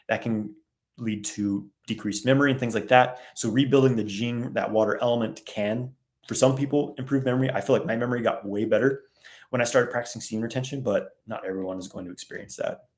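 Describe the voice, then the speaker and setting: A man hosting a casual live Q&A, reading viewer questions aloud and answering in a relaxed, rambling way. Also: medium pitch. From West.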